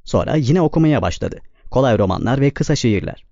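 Warm-voiced male audiobook narrator. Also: mid-range voice, animated, brisk, no echo. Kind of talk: scripted narration. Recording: slightly dull, dry recording.

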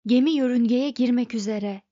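A woman's voice: fairly high pitch, moderate pace, dark tone, no echo, lo-fi sound, natural voice. A woman voicing an eager young female crew member on a spaceship.

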